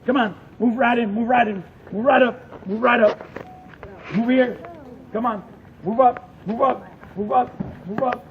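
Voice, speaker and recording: Casting: male ghost tour guide, high voice, theatrical folksy storyteller, heard distantly in an echoing room. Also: steady tone, measured pace, pauses often. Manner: dramatic, folksy old-time storyteller. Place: tour venue among a group of visitors. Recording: echoey reverberant room, distant mic, dull noisy audio.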